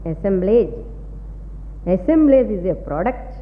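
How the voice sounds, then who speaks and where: A woman's voice: mid-range voice, big pitch swings, measured pace. A woman with a South Indian Tamil accent teaching philosophy in a didactic way, repeating key phrases and checking understanding. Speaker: Vedanta teacher. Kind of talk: philosophy lecture mixing two languages. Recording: tinny phone-like sound, long reverb, faint hum.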